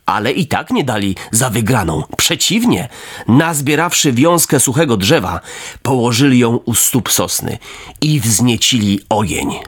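A man narrating a storybook in an expressive, dramatic reading style. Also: mid-range voice, breathy edge.

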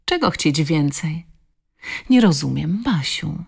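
A loving, bewildered husband in a spoken story, voiced by a woman narrator. He talks earnestly, his pitch climbing as he reassures, over a low gravelly base. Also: animated, slow, darkish tone, exaggerated voice. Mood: reassuring.

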